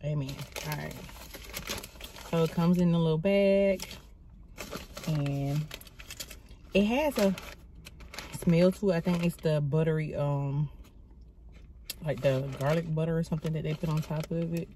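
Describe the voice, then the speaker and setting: A woman's voice: low-pitched, measured pace, pauses often, mellow, slight background noise. A woman chatting casually to her viewers as a vlogger, calling them y'all while talking into her phone camera in a car. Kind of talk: casual vlog chat.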